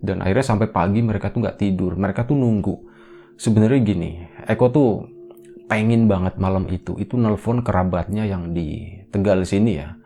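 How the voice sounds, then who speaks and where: A man casually retelling a ghost story in a relaxed, conversational way, full of little fillers, with an Indonesian accent. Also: low-pitched, moderate pace, a little hiss or hum. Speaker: horror storyteller.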